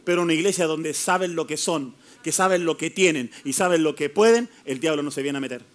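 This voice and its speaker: A man's voice: on the high side, brisk, a little hiss or hum. A man preaching a fiery, playful sermon as pastor, mixing mockery with rising declarations. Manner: fiery, playful preaching with mocking put-on voices.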